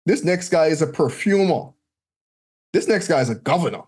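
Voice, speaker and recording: A man's voice: on the high side, animated, normal speed, a little mellow, slightly rough. A man with a Caribbean accent in a casual Bible study, speaking in an emphatic, slangy, colloquial way. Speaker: podcast host. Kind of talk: casual Bible study chat with scripture read aloud.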